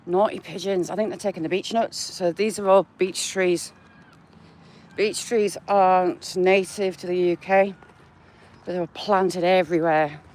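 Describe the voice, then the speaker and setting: A woman's voice: on the low side, steady tone, unhurried, a little mellow. A woman with a northern English accent, chatting to her viewers by name while walking outdoors in the countryside. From England. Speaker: vlogger. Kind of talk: casual live-chat walk vlog.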